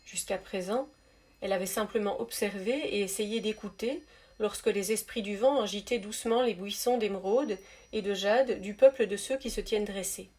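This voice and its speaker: A woman reading a spiritual story aloud in a soft, measured, gentle narrating voice. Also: medium pitch. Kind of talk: calm read-aloud storytelling.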